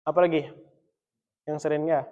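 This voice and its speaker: Joking male teacher, slightly high voice. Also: moderate pace, phone-quality sound. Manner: relaxed, joking, chuckles often. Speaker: Islamic teacher teaching Arabic. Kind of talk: casual classroom lesson. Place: mosque study room.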